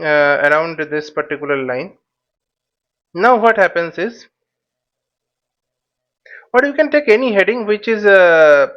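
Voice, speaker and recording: A man with a high voice gives an explanatory tutorial as a flight simulation instructor, thinking aloud haltingly and repetitively while frequently checking in with short tags. The audio sounds dull.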